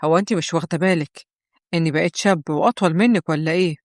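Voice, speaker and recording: A woman's voice: on the low side, racing, no room sound, studio quality, natural voice. A woman with an Egyptian accent voicing a sulky, defensive teenage boy in a told story. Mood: defiant. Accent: Egyptian Arabic. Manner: sulky, protesting.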